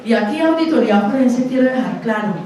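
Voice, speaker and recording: Woman, Colombian accent, lecturer, slightly high voice, unhurried and deliberate, constantly asks the audience questions, heard from far off in a very echoey hall. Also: lively intonation, a little mellow, a little hiss or hum. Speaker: conference lecturer. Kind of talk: university lecture. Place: university auditorium.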